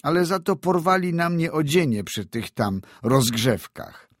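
A man's voice: fairly high pitch, lively intonation, unhurried, no room sound, clean studio sound, voice pushed up. Man voicing a sulky peasant boy. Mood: aggrieved. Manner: whiny, complaining rural talk. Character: poor peasant village boy, sulky and stubborn.

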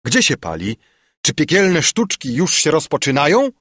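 A gruff old grandfather with a raised, lively voice that swings up high as he scolds, put on by a male reader. He sounds husky and close, in a dry space. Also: unhurried, no room sound. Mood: gruff mocking. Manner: scolding, sarcastic.

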